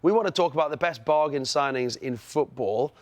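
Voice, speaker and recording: A man's voice: fairly high pitch, animated, brisk. A man presenting sports news on a breakfast show, jokey and rambling in the banter between items. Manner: jokey, rambling, trails off mid-sentence.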